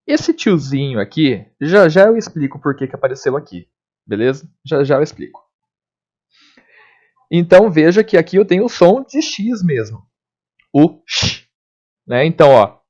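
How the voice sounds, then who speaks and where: A man's voice: on the high side, normal speed. A man teaching a recorded lesson, explaining step by step and often checking in with his listeners. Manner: lively, explanatory, frequent check-ins with listeners. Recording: dull lo-fi recording.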